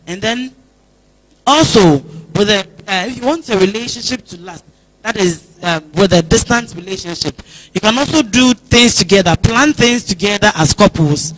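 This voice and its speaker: A Ghanaian-accented woman appears as a guest on a church talk show, earnestly offering advice and acting out little phone conversations. Her voice is mid-range, her pace moderate, and the recording is low quality.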